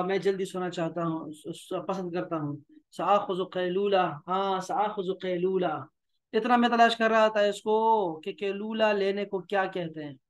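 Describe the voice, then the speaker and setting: A man with a Pakistani Urdu accent teaching a language class. He reads each phrase aloud, explains it, and coaxes the students with repetition. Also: high-pitched. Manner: coaxing, repeats himself. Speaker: Arabic teacher. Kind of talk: classroom lesson.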